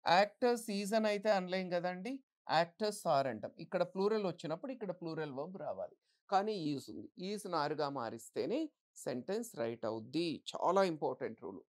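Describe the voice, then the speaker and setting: Woman teaching grammar, lowish voice that swings up and down a lot, quizzes the class then answers. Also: big pitch swings, a little mellow. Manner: asks the class questions and answers them herself; reads English example sentences slowly and deliberately. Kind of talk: exam-prep grammar lesson.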